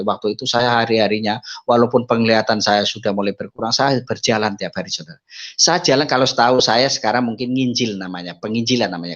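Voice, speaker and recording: Man telling his faith testimony, mid pitch, pitch jumps when emotional, dull lo-fi sound. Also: fairly bright tone. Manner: addresses listeners as brothers, rises high when moved. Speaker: testimony speaker.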